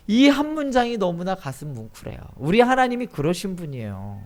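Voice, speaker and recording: A man preaching a sermon as pastor, acting out quoted dialogue in animated voices. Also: high voice.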